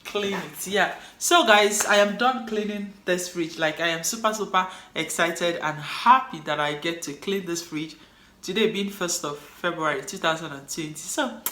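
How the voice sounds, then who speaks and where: This woman, a Nigerian-accented cleaning vlogger, has a lowish, bright voice with a forceful tone and a moderate pace. Chatting casually to camera in an echoey room, she stays upbeat, cheers her viewers on, and signs off motivationally.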